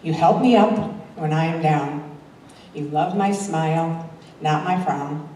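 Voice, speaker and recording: An older amateur poet takes it slowly, her low-pitched voice dark in tone, as she introduces and recites her own work for a live audience at a church talent show. A distant mic captures the very echoey hall along with faint noise.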